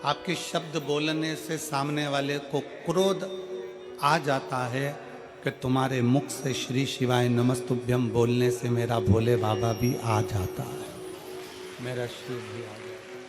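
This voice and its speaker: A man's voice: mid-range voice, flat delivery, a little slow, over music. A man preaching a devotional sermon to a crowd, repeating his phrases in a building rhythm and breaking into a sung hymn. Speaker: preacher telling a religious story. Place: large hall at a live religious gathering.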